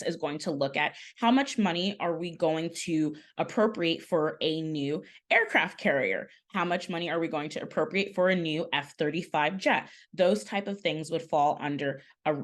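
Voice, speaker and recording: A woman presenting an online advocacy training in a slightly low voice. She explains step by step in a conversational way, using frequent fillers and correcting herself as she goes. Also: normal speed.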